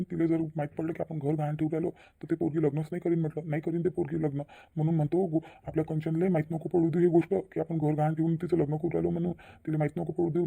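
A stern, protective village father in a cartoon, speaking. He is firm and repeats his orders. His voice is very dark and gravelly, and he talks quickly. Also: medium pitch. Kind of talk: cartoon voice acting.

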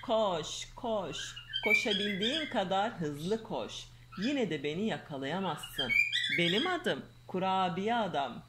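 A woman voicing a boastful little male gingerbread cookie in a storybook, chanting in a taunting sing-song, recorded with loud background noise. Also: mid-range voice, expressive, measured pace, few pauses, lightly acted.

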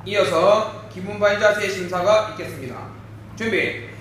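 Male martial arts instructor, high voice, formal and commanding, recorded at a distance in an echoing hall. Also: fairly even intonation, normal speed, a bit bright. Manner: clipped, commanding announcements. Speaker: taekwondo instructor calling the test. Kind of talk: formal drill commands and counting. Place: indoor taekwondo training hall. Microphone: distant camera microphone. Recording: echoey hall from far off, faint noise.

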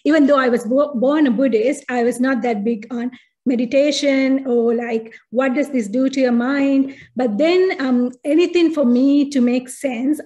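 A woman's voice: sits high, darkish tone. A woman in her thirties with a Sri Lankan accent, explaining brain science in an online lecture, with many fillers and restarts. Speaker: neurologist giving a talk. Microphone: video call.

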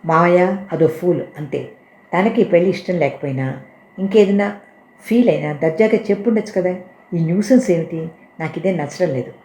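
A woman voicing an outspoken young woman who talks sharply, loudly and dismissively. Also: fairly low pitch, moderate pace, close to an everyday voice. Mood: scornful. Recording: roomy echo.

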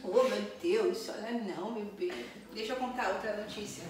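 A woman's voice: mid-range voice, normal speed, recorded from a distance, noisy background. A young woman pranking her boyfriend in a casual vlog, teasing him and laughing often. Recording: very echoey room with music behind.

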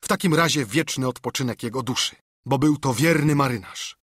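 A man voicing an honest, stubborn sailor with a raspy, trembling voice who speaks earnestly and indignantly. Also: medium pitch, brisk, a bit bright, dry recording, clean studio sound. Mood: defiant.

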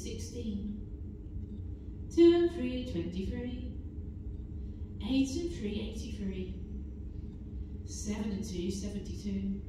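A woman working as a bingo caller, announcing numbers in a repetitive sing-song delivery. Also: mid-range voice. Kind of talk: bingo calling, announcing numbers in pairs then in full. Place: large bingo hall. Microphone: caller's PA heard from a player's table. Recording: echoey hall PA from far off, noisy.

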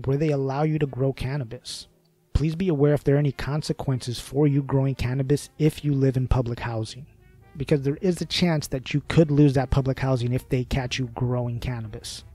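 A man hosting a podcast, talking casually with fillers and repeated words, a little hoarse. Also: mid-range voice, dark tone, no echo. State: losing his voice. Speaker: podcast host.

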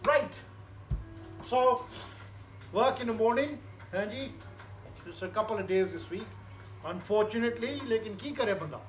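A man's voice: high voice, expressive, a little fast, pauses often, faint music behind. Echoey Punjabi-accented man chatting in his kitchen. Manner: rambling, jokey, mixing languages. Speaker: home cook vlogger. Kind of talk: casual chatty cooking vlog. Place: small home kitchen, indoors. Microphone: camera at about arm's length to a metre.

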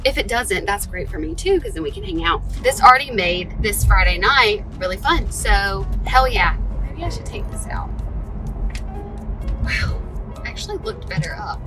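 A woman vlogger talking in a casual, chatty and excitable way, often poking fun at herself. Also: mid-range voice, rough recording. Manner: chatty, excitable, self-mocking. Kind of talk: casual chat.

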